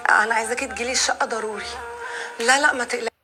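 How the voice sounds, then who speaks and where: A woman's voice: fairly high pitch, fairly even intonation, very fast, music in the background, close to an everyday voice. A woman playing an urgent, secretive wife. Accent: Egyptian Arabic. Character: suspicious wife phoning her mother-in-law.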